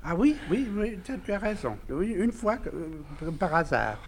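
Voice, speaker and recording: A man's voice: high-pitched, big pitch swings, moderate pace, background noise. A cocky, flippant man. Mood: flustered. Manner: flippant and laughing. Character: brash, cocky man shrugging off a lover. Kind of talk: 1950s recorded stage comedy.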